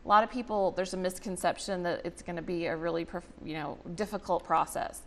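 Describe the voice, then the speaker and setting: A woman's voice: on the low side, a little fast. A woman explaining things in a chatty, conversational way as an interview guest. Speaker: guest, representative of a volunteer reading charity.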